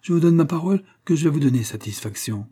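A man's voice: a little high, expressive, fast, mellow, slightly rough, voice pushed up. A man doing a wheedling sly pickpocket. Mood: bargaining. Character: sly male pickpocket, bargaining. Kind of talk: audiobook reading.

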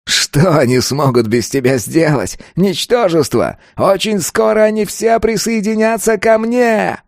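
A man's voice: sits high, extremely slow, fairly bright tone, no room sound, clean studio sound, pitched above the performer's own voice, exaggerated voice. A man voicing a gloating, vengeful man who roars and cackles, savoring every word. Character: gloating vengeful man gone mad with glee.

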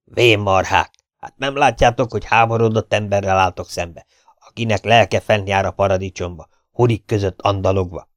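A man voicing an excitable, easily frightened male camp master who pleads in a high, shrill voice. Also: no room sound, studio quality, natural voice. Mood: indignant.

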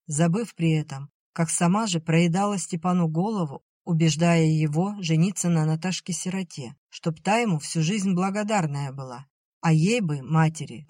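An audiobook narrator reading a literary novel in an even, measured way. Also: medium pitch, dry recording, studio quality.

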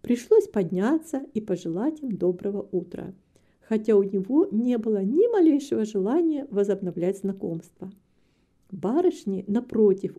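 A woman narrating an audiobook novel in a calm, even storytelling manner. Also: a little high. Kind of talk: scripted narration.

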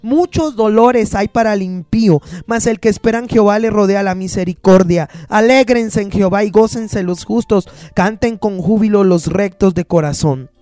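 A man's voice: high-pitched, normal speed, few pauses, warm tone, no room sound. A man pastor preaching a sermon with emphatic repetition, quoting scripture and acting out the pleas of his congregants.

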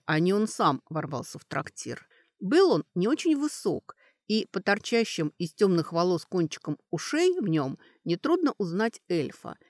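An audiobook narrator gives a fantasy novel an expressive, lively reading. The pitch climbs and dips freely through each sentence. The recording is dry and close, with no room sound. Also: no room sound.

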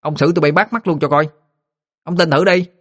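A bold young village boy in a spoken ghost story, voiced by a male narrator. He brags cheekily in a high voice. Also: fairly even intonation, brisk, a bit bright. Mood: boastful. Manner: cheeky and boastful.

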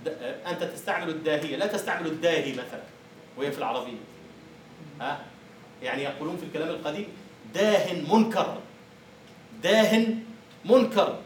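A man's voice: fairly high pitch, rapid-fire, pauses often, fairly bright tone, slight background noise. Man lecturing in an echoey classroom. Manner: explains with rhetorical questions. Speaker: university lecturer. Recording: echoey room from far off.

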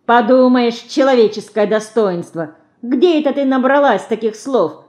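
A woman's voice: fairly high pitch, expressive, unhurried, pitched above the performer's own voice. A woman reader voicing a spoiled rich boy who jeers and taunts. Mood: mocking. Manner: jeering, taunting.

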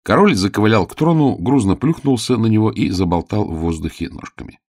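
Expressive male audiobook narrator. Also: lowish voice, brisk, no room sound, studio quality.

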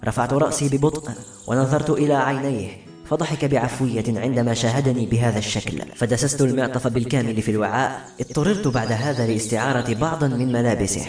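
A man narrating a novel in the first person, in an expressive storytelling manner. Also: medium pitch, quick pace. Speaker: audiobook narrator. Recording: echoey room with faint music. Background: faint background music.

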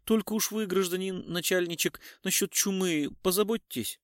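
A man's voice: high voice, normal speed, no room sound, studio quality, voice pushed up, close to an everyday voice. A man voicing a fawning, ingratiating man who seems like a demoted bookkeeper.

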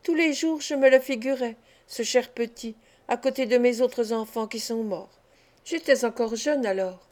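A woman's voice: on the high side, normal speed, a little mellow, close to an everyday voice. A woman reading an audiobook, voicing an elderly housekeeper who speaks tenderly and effusively. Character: kindly frail old housekeeper woman.

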